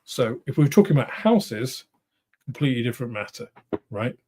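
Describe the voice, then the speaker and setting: A middle-aged man with a British accent, hosting a casual livestream, answering viewers in a rambling, thoughtful way with many pauses and restarts. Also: medium pitch, sing-song, warm tone, a little hiss or hum. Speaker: host of a model-making livestream. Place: home studio room.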